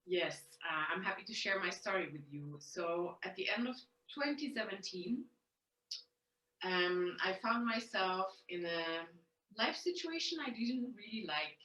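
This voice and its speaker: Woman guest, bright voice, roomy distant sound. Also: fairly low pitch. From Switzerland. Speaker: interview guest and online money coach. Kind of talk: casual interview storytelling.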